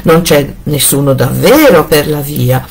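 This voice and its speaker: A woman voicing a young sister who replies calmly and sadly. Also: sits low, measured pace, gravelly, slightly rough, heavily acted. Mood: sorrowful. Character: young sister keeping watch from a tower.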